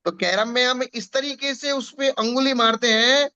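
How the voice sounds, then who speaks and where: A man's voice: very high voice, moderate pace, pushed and bright, smooth, dull audio. A man teaching a scripture class, explaining patiently with examples and repetition.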